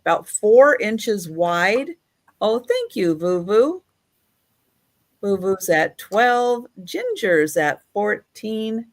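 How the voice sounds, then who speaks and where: Running a live sale as auctioneer, a woman with a medium-pitched voice describes the items in an unhurried, chatty, measured way.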